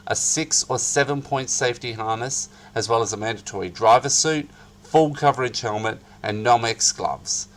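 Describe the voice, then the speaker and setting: A man narrating an article as a dramatic reading, with theatrical, hammy emphasis and drawn-out key phrases. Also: mid-range voice, a bit bright.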